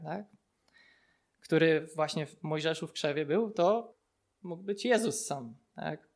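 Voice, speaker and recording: A man giving an informal Bible lesson, explaining step by step, often checking in with his listeners and laughing softly. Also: on the high side. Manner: explanatory, frequent checking tags and soft laughs. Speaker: Bible teacher.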